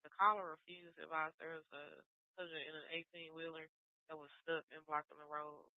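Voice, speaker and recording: A man's voice: a little high, flat delivery, brisk, dry recording. A male police dispatcher reading out calls over police radio in a clipped, routine manner. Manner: clipped, routine call-out delivery. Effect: police radio transmission. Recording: tinny narrow-band radio audio.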